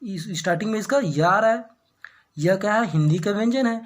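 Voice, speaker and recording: Woman teaching English grammar in Hindi. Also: mid-range voice. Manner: asks the class questions and answers them herself, reads example sentences slowly.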